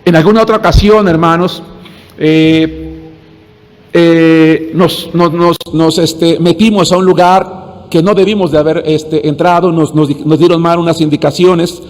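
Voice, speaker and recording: A man's voice: on the high side, fairly even intonation, measured pace, darkish tone. A male pastor, preaching a sermon and telling a story, often calling out to his listeners and repeating words as he searches for them. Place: church sanctuary. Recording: long hall reverb.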